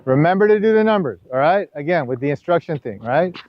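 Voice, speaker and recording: A man's voice: lively intonation, quick pace, no echo. A man coaching a teenage player through drills, talking in rambling bursts with many restarts and rising sharply when he scolds. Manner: rises loud and high when scolding. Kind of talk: sports coaching session. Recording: dull lo-fi camera audio.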